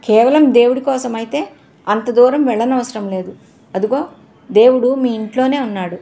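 Brief: woman reader as a chatty young man, breezy and opinionated, fairly high voice, storybook reading. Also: moderate pace, mellow, natural voice. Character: young man, cheerful and talkative.

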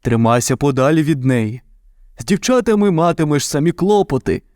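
A man's voice: high-pitched, sing-song, takes it slowly, darkish tone, no room sound, clean studio sound, voice pushed up, heavily acted. A man voicing a good-natured, grumbling bear in a storybook reading, with a teasing manner. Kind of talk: storybook narration.

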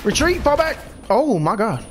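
A young let's play host with a very high-pitched, stuffy, congested voice talks at normal speed and very animatedly, with slight background noise. His casual gameplay commentary is loose, full of profane trash talk at enemies.

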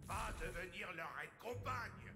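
A man voicing a pompous, menacing villain in a video game, with a gravelly, theatrical delivery. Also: high voice, measured pace. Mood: smug, commanding. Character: gloating theatrical villain who made and menaces small creatures. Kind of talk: video game character acting. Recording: reverberant, with loud game music behind.

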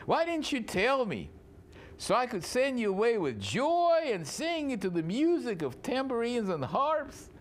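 A man's voice: on the high side, a little hiss or hum, voice pushed up. A man voicing an emotional old father-in-law who swings from tearful pleading to threats.

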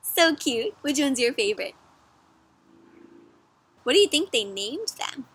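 A young woman with a high, bright yet husky voice reads to kids outdoors in a garden or yard at an unhurried pace. Her picture-book reading is interactive, with animated, teacherly questions aimed at the children as friends.

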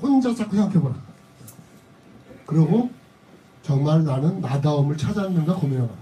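A middle-aged man giving a motivational seminar talk in a lecture hall. His voice sits high but sounds very dark and mellow, and the mic picks it up from a little way off. He is emphatic and repeats his key lines. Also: lively intonation, moderate pace. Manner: emphatic, repeats key phrases, drops into blunt casual speech. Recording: voice a bit distant from the mic.

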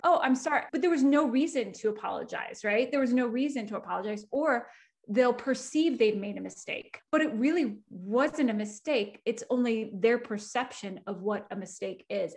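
An enthusiastic woman hosts a podcast interview, chatty and casual, with lots of fillers. Her voice sits fairly high. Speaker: podcast host.

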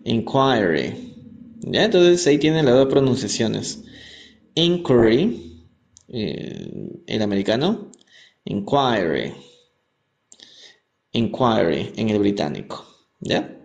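A man from Peru teaching English on a live stream, reading aloud and explaining words in Spanish, repeating each pronunciation slowly. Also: on the low side, sing-song, vocal fry, a little mellow, dull audio. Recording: echoey room, faint music behind.

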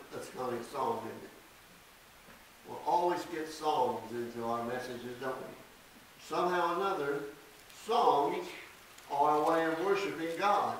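An older man preaching a sermon at a church podium, reading scripture slowly and deliberately with emphatic stresses. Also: a little high. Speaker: pastor. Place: small church sanctuary. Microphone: podium mic from a distance. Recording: echoey church, distant mic, faint hiss.

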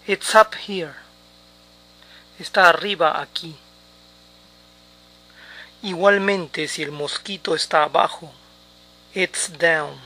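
Slow, bright-voiced man teaching English. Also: fairly high pitch, steady tone. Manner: repeats English words slowly for pronunciation drills. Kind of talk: slow, deliberate language lesson.

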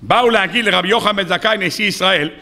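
A man, a rabbi, delivering a sermon and telling the story with lively rhetorical questions. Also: high-pitched.

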